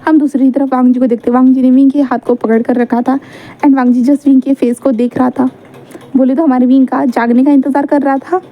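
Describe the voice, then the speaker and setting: A woman's voice: high voice, little pitch movement, brisk, phone-quality sound. A woman casually narrating a romance fan fiction story. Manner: casual retelling with fillers.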